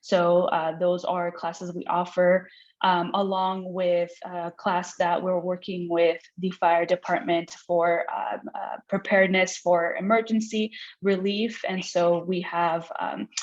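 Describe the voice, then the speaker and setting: A woman's voice: on the low side, slow pace. Lo-fi woman presenting on a webinar. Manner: excited talker, many fillers and restarts. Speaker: legal director of an immigrant aid center. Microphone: video call. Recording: dull lo-fi audio from a video call.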